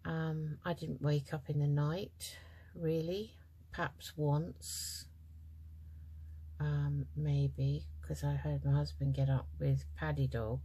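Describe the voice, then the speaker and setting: A woman's voice: deep voice, level tone, slow, dark tone, breathy edge. A middle-aged woman hosting a craft channel, talking casually and hesitantly through her project with many ums, tired and yawning. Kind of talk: casual crafting tutorial chat.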